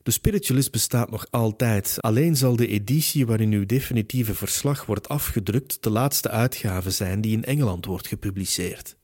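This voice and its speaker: Sober middle-aged editor, flat and matter-of-fact, low mellow voice, read by the male narrator. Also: normal speed, hardly any pauses, natural voice.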